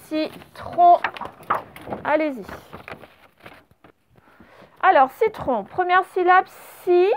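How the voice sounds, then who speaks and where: A woman teaching young children a spelling and dictation lesson, speaking slowly and patiently and spelling words out letter by letter. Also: extremely high pitch, noisy background. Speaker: primary school teacher. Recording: slightly dull, lo-fi home recording.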